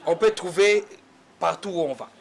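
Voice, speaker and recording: A man answering interview questions thoughtfully, a bit halting. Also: high voice, creaky. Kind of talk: casual interview.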